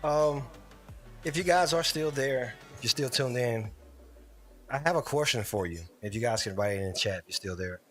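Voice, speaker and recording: A man of mid pitch hosts a casual live-stream commentary. He rambles and speaks straight to his chat viewers. Faint music plays underneath. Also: moderate pace. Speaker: livestream host.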